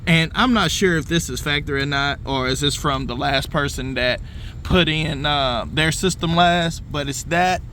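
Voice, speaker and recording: Slightly high, bright and forceful, his voice moves at normal speed while he walks viewers through car audio work. It's loose, slangy install-vlog talk laced with swearing, captured on phone video with noisy vehicle and outdoor sound around it.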